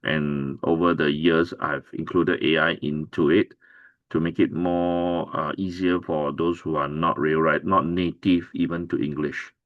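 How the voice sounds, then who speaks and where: A man hosting an online writing class, introducing members in a relaxed way with plenty of fillers. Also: rumbling low, measured pace, no room sound, phone-quality sound. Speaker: course host and writing coach.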